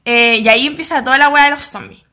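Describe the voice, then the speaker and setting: A woman's voice: high-pitched, fast, bright, forceful tone. A young Chilean woman with a Chilean accent, casually retelling a drama's plot in a chatty way and acting out the characters' lines. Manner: chatty, acts out characters' lines, slangy asides.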